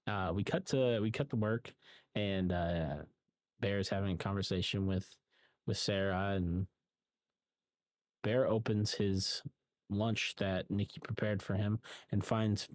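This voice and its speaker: Male reviewer, lower voice, rambling halting delivery, dry booth sound. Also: steady tone, no room sound. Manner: rambling, halting, frequent ums and restarts. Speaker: film reviewer. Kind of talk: casual spoken recap.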